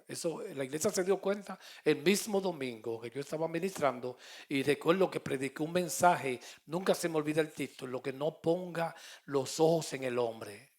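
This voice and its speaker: Gravelly Puerto Rican pastor preaching. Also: male voice, on the high side, fairly quick, few pauses. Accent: Puerto Rican Spanish. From Puerto Rico. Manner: storytelling with quoted dialogue, swings between loud and soft. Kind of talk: sermon.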